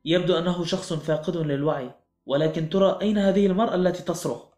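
A man plays an older retired colonel in an audiobook, steady and matter-of-fact. He speaks in measured phrases. The voice rings in a roomy space with faint music beneath it. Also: fairly high pitch, lightly acted. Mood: composed. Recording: echoey room with faint music.

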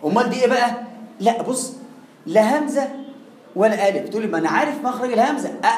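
A man with an Egyptian accent teaching Quran recitation rules in a lively way, talking straight to his students and demonstrating sounds. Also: very high-pitched, rapid-fire, reverberant, poor audio. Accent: Egyptian Arabic. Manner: lively, addresses the listener directly, demonstrates sounds. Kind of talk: classroom lecture.

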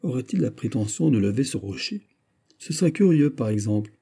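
A man reading the part of a shrewd, quick-witted musketeer in an audiobook, speaking with dry wit. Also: medium pitch, very animated, warm tone, slightly rough. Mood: astonished.

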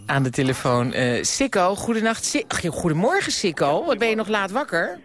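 Hesitant, chatty male night DJ, animated pitch. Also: brisk, soft background music. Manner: hesitant, many uhs, chatty. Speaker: radio host. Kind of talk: late-night radio presenting. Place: radio studio.

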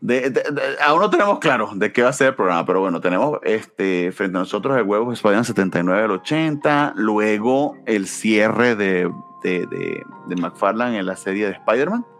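A low-pitched man chats loosely about comics, stopping often to hunt for words. His speech is full of hesitant fillers, and soft music plays faintly behind him. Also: expressive, normal speed, hardly any pauses. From not from Mexico, now naturalizing. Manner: rambling, many "este" fillers. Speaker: podcast co-host. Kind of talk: casual chat about comics.

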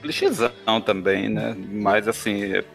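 A man's voice: lowish voice, wildly swooping pitch, a little slow, vocal fry, faint music behind. A man co-hosting a casual comics podcast, giving opinions with hesitant restarts. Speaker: podcast co-host.

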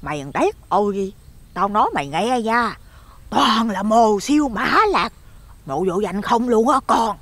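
A man voicing a loud, nosy, gossipy village woman, husky and lively, dropping to spooky whispers. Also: high voice, a little slow, no room sound, pitched above the performer's own voice, full character voice.

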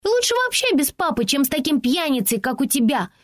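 A woman's voice: high-pitched, big pitch swings, fairly quick, no room sound, clean studio sound, voice pushed up. A woman reading an audiobook voices a five-year-old neighbour girl who taunts in blunt, slangy speech. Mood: taunting. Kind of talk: audiobook character voicing.

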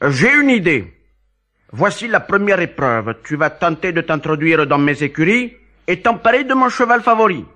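An imperious count, played by a man, speaks in a forceful voice. He is stern and challenging, with lively storybook phrasing. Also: sits high, normal speed, pitched above the performer's own voice, full character voice. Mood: scheming. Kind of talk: storybook dialogue.

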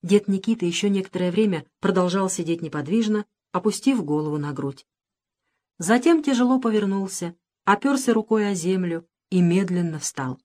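A woman reads a novel aloud as an audiobook narrator. Her delivery is steady and measured, a calm storyteller's pace. Her voice sits at a middling pitch for a woman. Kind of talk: scripted narration.

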